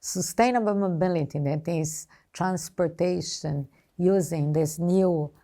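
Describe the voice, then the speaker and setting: Brazilian-accented woman diplomat, low and gravelly, careful and hesitant interview delivery, Portuguese native. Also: mellow. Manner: hesitant, halting, choosing words carefully. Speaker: ambassador being interviewed. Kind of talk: formal interview answers.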